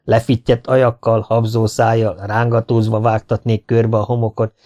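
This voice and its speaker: A man reading a first-person humorous memoir as an audiobook, lively and expressive. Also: fairly low pitch. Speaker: audiobook reader. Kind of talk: scripted first-person narration.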